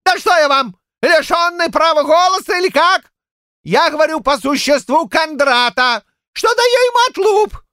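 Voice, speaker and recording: A man voicing a quarrelsome old village man in a shrill falsetto, rambling and shouting in heated bursts. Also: big pitch swings, normal speed, no echo, studio quality, exaggerated voice. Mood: furious.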